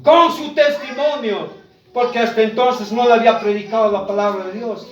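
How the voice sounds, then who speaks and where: High-voiced Bolivian man preaching in an echoey hall. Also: moderate pace. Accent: Bolivian Andean Spanish. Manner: call-and-response questions to the congregation; rises to shouts on key points. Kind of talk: bilingual sermon in Spanish and Quechua. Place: church hall. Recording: echoey room, distant mic, dull sound.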